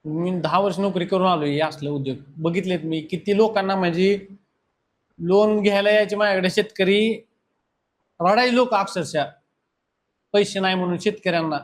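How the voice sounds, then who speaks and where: Here a male teacher with a high voice gives a blunt, scolding talk directly to his students, combining lecture and pep talk. He speaks at normal speed but leaves long pauses.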